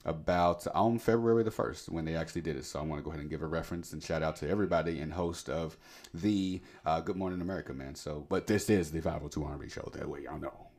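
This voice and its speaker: A man co-hosting a late-night radio show. His voice sits very low, and he talks in loose, rambling banter, laughing easily between thoughts. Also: fast talker, hardly any pauses, darkish tone.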